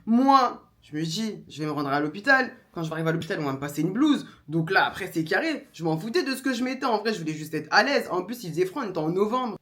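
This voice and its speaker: A young woman vlogger, telling a story in a casual, animated way and acting out the others. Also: fairly low pitch, quick pace, few pauses. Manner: animated, slangy, acts out voices of others.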